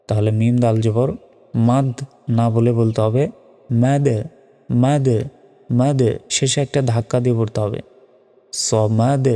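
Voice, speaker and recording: Man, Bangladeshi Bengali accent, Quran pronunciation teacher, spells letters then chants slowly, flat steady delivery, long reverb. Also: on the low side. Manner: spells words letter by letter, drawn-out chanted recitation. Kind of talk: spoken lesson on Quran pronunciation. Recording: long reverb with faint music.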